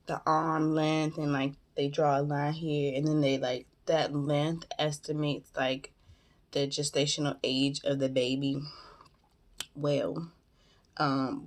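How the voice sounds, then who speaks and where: A woman chatting casually through storytime, talking with her mouth full as she eats and using informal, slangy phrasing. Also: low-pitched. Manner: informal slangy storytelling, acting out quoted dialogue. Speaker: vlogger telling personal stories. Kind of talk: casual storytime mukbang chat.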